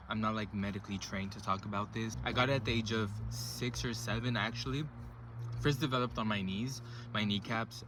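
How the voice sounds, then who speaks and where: On a rough recording with slight hiss or hum, a man in his twenties speaks in a lowish voice, casually recounting personal stories for his vlog. He rambles easily and leans heavily on fillers.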